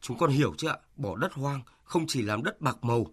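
A man's voice: medium pitch, animated, fairly quick, slightly rough, dry recording, studio quality. An actor playing an earnest young grown son who explains things patiently to his father, in a radio drama.

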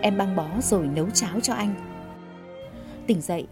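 A woman reading a story aloud in a calm, measured way. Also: medium pitch, music in the background. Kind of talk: scripted narration.

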